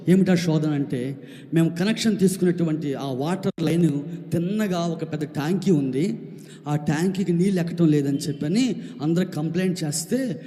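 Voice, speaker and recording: A man's voice: high voice, in a large hall. A man preaching a sermon as a pastor, telling a personal testimony and calling out questions to the congregation. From Andhra Pradesh, India. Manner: builds to shouted preaching.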